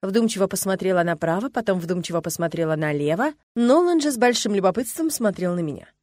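A woman narrating a first-person story for an audiobook in an even, measured way. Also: mid-range voice, no echo.

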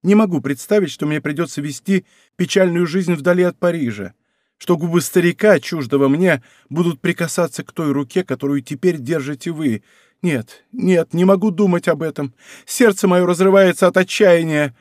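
A man's voice: fairly high pitch, normal speed, darkish tone, dry recording, clean studio sound, lightly acted. A man voicing an impassioned young noblewoman who pleads with her royal lover in an audiobook. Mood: despairing. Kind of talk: audiobook character reading.

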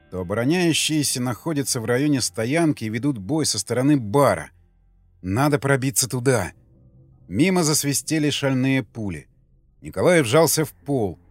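A man reads a dramatic audiobook in a tense, vivid way, with a voice of middling pitch. Quiet music sits low underneath him. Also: dry recording. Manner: tense, vivid reading that rises for loud quoted lines. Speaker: audiobook narrator.

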